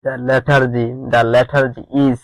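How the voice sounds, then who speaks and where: A man's voice: mid-range voice, flat delivery, extremely slow, no echo, rough recording. A man with a Bangladeshi accent teaching exam prep, reading quiz questions aloud and muttering answers to himself, repeating words as he thinks.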